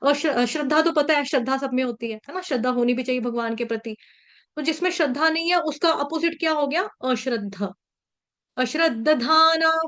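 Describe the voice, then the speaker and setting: A woman teaching an online class, patiently drilling the pronunciation of a verse and repeating syllables slowly. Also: sits high. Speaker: Sanskrit verse recitation teacher. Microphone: video call.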